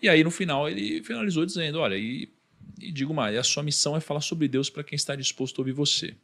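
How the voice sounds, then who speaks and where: A man's voice: fairly high pitch, fast talker, gravelly. A man with a Brazilian accent, a podcast guest telling a personal story and acting out what others said. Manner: animated, acts out the voices of others in his story.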